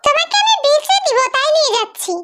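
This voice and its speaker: A woman doing a comedic fan dub, playing several characters in a quick, teasing, bickering way. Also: very high-pitched, lively intonation, heavy background noise.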